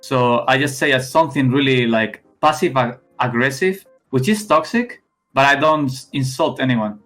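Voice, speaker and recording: Faint music sits quietly behind a young Spanish esports player being interviewed casually. His heavily accented English comes out in a middle pitch, halting and full of fillers as he keeps restarting his sentences.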